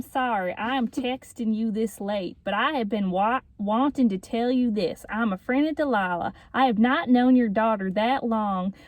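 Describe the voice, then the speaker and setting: A woman's voice: a little high, darkish tone, no echo, natural voice. A woman putting on a stiff Southern young man. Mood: stiffly formal. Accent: attempted Southern US. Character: earnest awkward young male stalker, Southern-voiced.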